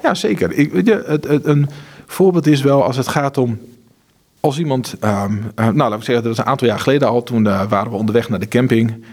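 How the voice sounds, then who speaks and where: A man with a husky, slightly rough voice speaks at a middle pitch. He tells earnest, faith-driven stories in an interview, often restarting his sentences. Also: a little fast, darkish tone. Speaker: charity director. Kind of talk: conversational interview.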